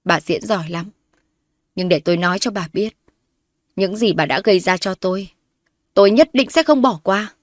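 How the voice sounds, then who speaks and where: A woman's voice: mid-range voice, a little fast, dry recording, clean studio sound, natural voice. A woman narrator voicing a wronged young wife who confronts her in-laws sharply and defiantly.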